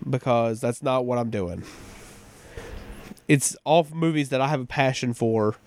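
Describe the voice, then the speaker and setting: Man, casual chat, mid-pitched, stammers and restarts, voice worn from laughing. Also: measured pace, a little mellow. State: voice strained from laughing. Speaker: podcast co-host.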